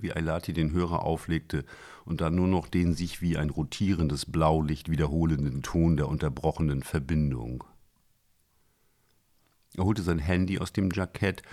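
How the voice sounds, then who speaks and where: Very deep-voiced male narrator. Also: a little mellow. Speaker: audiobook narrator. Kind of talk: scripted narration.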